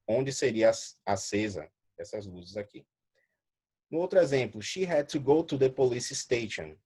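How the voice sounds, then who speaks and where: A man teaching an English grammar lesson. His first language is Portuguese, and he reads English examples slowly, then translates and explains them patiently. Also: lowish voice, darkish tone, breathy edge.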